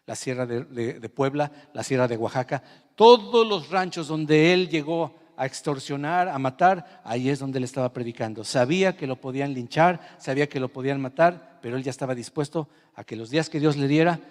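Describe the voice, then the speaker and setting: Mexican pastor preaching in a reverberant hall. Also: male voice, on the high side. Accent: Mexican Spanish. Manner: emotive storytelling, swinging from quiet to loud. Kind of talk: sermon.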